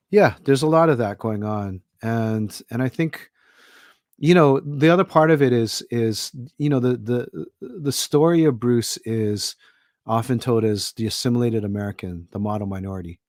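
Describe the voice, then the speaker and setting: This middle-aged man from Hawaii, an author guesting on a podcast, has a mid-range, darkish voice and talks a little slowly. He rambles thoughtfully with plenty of fillers in casual conversation, captured as clean studio sound without echo.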